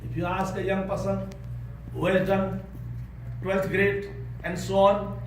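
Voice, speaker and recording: Speaking unhurriedly in a high, level voice, a guest speaker from Nepal addresses a service club in earnest, using his Nepali accent, stressing points through repetition and leading the crowd in a call-and-response chant. The audio comes from a noisy, echoing room with the mic well away from him.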